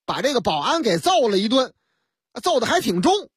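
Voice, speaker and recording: Woman radio host, husky, animated comic storyteller, dry studio sound. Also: a little high, normal speed, dry recording. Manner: lively storyteller acting out dialogue.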